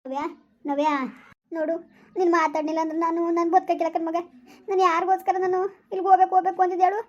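A woman's voice: extremely high pitch, flat delivery, rapid-fire, lo-fi sound. A woman acting a remorseful village stepmother who begs her stepdaughter to forgive her, in an amateur family drama. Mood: pleading. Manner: pleading, repetitive, rural colloquial speech.

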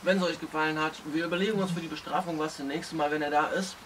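A man's voice: a little high, fairly even intonation, racing. A young man chatting casually as host of a food challenge vlog outdoors. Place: outdoor garden table under a wooden gazebo. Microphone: camera mic across the table. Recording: distant mic, noisy outdoor ambience.

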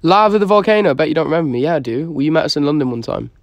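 Rapid-fire and expressive, this young adult from Dublin speaks in a fairly high voice, tossing off slangy, easygoing replies to livestream comments. He uses a phone held near his face, and there's no echo.

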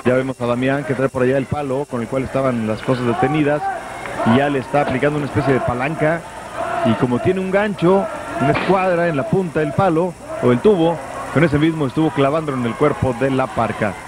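A man's voice: mid-range voice, fairly quick. A male wrestling commentator with a Mexican accent calls live lucha libre play-by-play in a conversational, descriptive way. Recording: noisy old VHS broadcast of arena event. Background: noisy wrestling arena.

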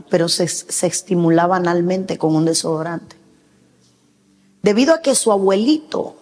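A middle-aged woman pastor preaches emphatically, breaking into sudden high shouts and acted-out quotes, with the sound of a big room.

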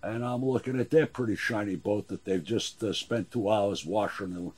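A man in his sixties talks casually in a small boat cabin. His voice is low and husky, and he speaks in a gruff, wry way with halting phrases. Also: a little mellow. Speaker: boat builder and owner being interviewed. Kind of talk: casual chat. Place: small wooden sailboat cabin.

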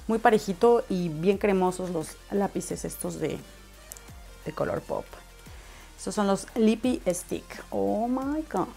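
Young female beauty vlogger, relaxed chatty haul talk, middle pitch, soft background music. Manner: chatty, unhurried, drops in English words. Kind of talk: casual makeup haul vlog.

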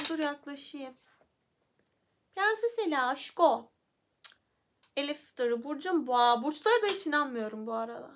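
A woman's voice: sits high, a little hiss or hum. A young woman hosting a casual livestream, chatting playfully with viewers and reading the chat aloud into her phone. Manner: playful, chatty, hums and sings nonsense syllables.

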